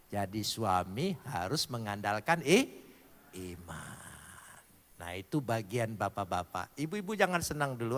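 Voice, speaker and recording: A male pastor preaching a sermon with animated, playful delivery, spelling out words letter by letter and swinging between loud and soft. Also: fairly high pitch, in a large hall. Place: church hall.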